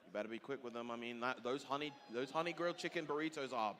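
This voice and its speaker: A male esports commentator with a mid-range, slightly bright voice delivers quick live commentary and analysis of a fighting game tournament. He's articulate and emphatic, his phrasing rather formal, with clear music playing in the background.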